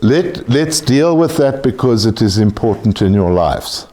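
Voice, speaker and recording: Blunt joking tax lecturer. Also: male voice, medium pitch, animated, unhurried, mellow. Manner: blunt, joking, swears casually. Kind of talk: informal lecture to a class.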